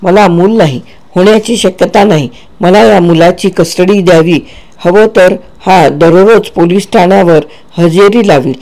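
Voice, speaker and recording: A man narrating a dark first-person story in a measured, grave way, sometimes correcting himself. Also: sits high, creaky.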